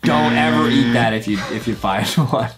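A man hosting a gaming video, jokey and excitable, swinging from hushed mock dread to squeals. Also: mid-range voice, normal speed, loud music behind the voice. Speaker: host.

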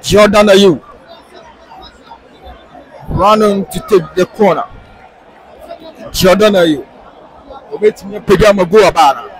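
Excitable Ghanaian man calling a football match. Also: high-pitched, slow pace, long pauses, faint music behind, a faint crowd, low-quality recording. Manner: excitable, sing-song calls that rise into shouts. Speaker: football commentator. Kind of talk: live match commentary mixing English and Twi.

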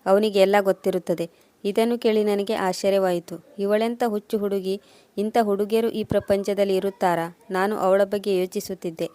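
A woman reading a first-person story as scripted narration, at a steady, even pace. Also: medium pitch, normal speed, dry recording.

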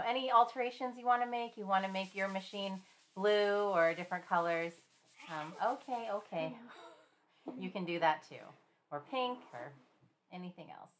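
Woman art instructor, relaxed live-stream class; gentle, chatty, laughs often. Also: on the low side.

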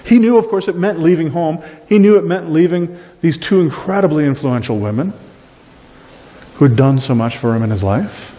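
A middle-aged man preaches with animated emphasis from the pulpit of a small church. His voice is mellow and dark, and it rings out in a long hall reverb, picked up by a camera at the back of the room. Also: on the high side, normal speed. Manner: animated preaching with wide gestures. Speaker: pastor. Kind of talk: sermon. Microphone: far camera at back of room.

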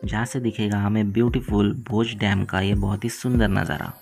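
A man's voice: on the low side, level tone, normal speed, creaky, darkish tone, soft background music. A young man narrating a travel vlog on roads, waterfalls and a dam, guiding viewers along the way. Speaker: travel vlogger. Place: outdoors on rural roads and by waterfalls.

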